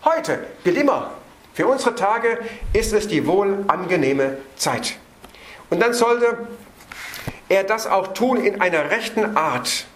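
A man preaching an evening sermon on a Bible passage. He stresses words by slowing down and hurries through his asides. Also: sits high, sing-song, roomy sound, a little hiss or hum.

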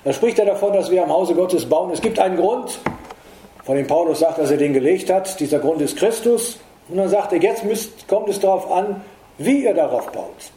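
Middle-aged male preacher, earnest and emphatic, fairly high mellow voice, reverberant room. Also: moderate pace, a little hiss or hum. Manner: earnest, emphatic, rises in pitch for stress. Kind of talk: sermon. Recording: echoey room.

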